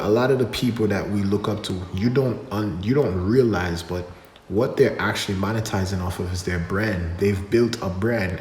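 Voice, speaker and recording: A man's voice: lowish voice, a little mellow, a little hiss or hum. A man with a Jamaican accent, a dancer and vlogger, talking earnestly and loosely about turning his craft into a business. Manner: earnest, motivational, loose with fillers. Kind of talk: casual reflective vlog talk. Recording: echoey room with long reverb, faint ambience.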